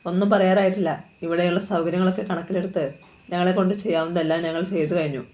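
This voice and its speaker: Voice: medium pitch, steady tone, fast talker, a little mellow, natural voice. A narrator voicing a heartless, stout female nurse who speaks rudely and dismissively in a storybook reading. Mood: scornful. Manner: rude, dismissive.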